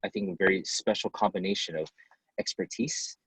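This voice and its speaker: A man who grew up in the United States answers interview questions as a company head. His voice is very low, his delivery loose and chatty with fillers. The sound is dry and close. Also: steady tone, fairly quick, a bit bright, slightly rough, no room sound, poor audio. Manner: conversational, many fillers and restarts. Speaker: company CEO, guest. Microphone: video call.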